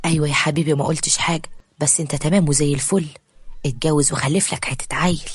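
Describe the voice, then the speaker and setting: A woman's voice: deep voice, steady tone, quick pace, breathy edge, no echo. A woman voicing a pushy middle-aged mother with an insistent, scolding manner and an Egyptian Arabic accent. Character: pushy middle-aged mother urging her son to remarry.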